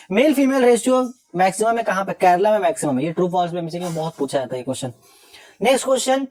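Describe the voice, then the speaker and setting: A young man teaching an exam revision lesson, reading questions out slowly, then explaining with casual jokes and teasing scolds. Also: sits high, a little mellow.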